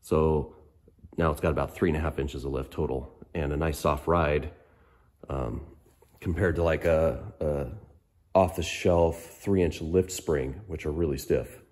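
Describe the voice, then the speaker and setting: Recorded on a handheld phone camera in his garage workshop, a middle-aged off-road fabricator explains his work in a casual technical walkthrough. A cold has left his very deep, slightly mellow voice hoarse; his intonation is fairly even, and he talks in an unhurried, hesitant way, full of pauses and ums.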